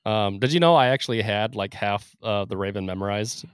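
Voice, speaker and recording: A man's voice: on the low side, fairly quick, clear, resonant tone, no room sound, clean studio sound. A man co-hosting a podcast, talking casually with lots of fillers and laughs. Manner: laughs often, rambling with fillers. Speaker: podcast co-host. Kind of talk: casual chat.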